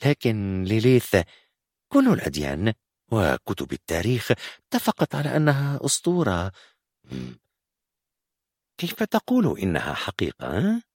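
A man voicing a gruff, cursing thug, raspy gravelly voice, low pitch, lively swoops. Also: brisk, no room sound, studio quality, exaggerated voice. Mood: musing. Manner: gruff, swearing. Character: coarse, cursing male gang brother. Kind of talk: audiobook narration.

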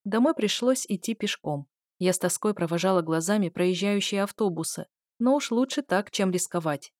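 A woman reading an audiobook aloud, telling a first-person story in a lively way and voicing the dialogue. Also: medium pitch, normal speed, no room sound, studio quality. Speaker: audiobook narrator. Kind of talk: audiobook narration.

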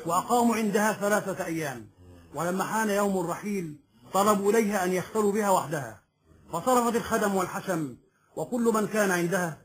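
A man's voice: sits high, rough recording. A man performing as an Arabic café storyteller, declaiming a folk epic in a singsong manner. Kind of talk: Arabic café storyteller, sung verse and rhymed narration. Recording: music under the voice.

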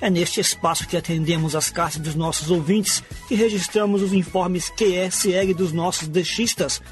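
A man's voice: high voice, moderate pace, soft background music. A man hosting a radio programme, presenting from a script.

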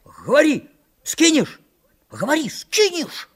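A man's voice: extremely high pitch, huge pitch swings, slow pace, fairly bright tone, pitched above the performer's own voice, full character voice. A man reading a storybook voices a bossy older boy who barks curt orders. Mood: angry command.

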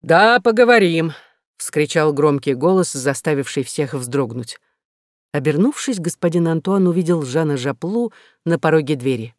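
A man reading a classic novel aloud as an audiobook narrator, measured and expressive. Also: on the high side, no echo, clean studio sound.

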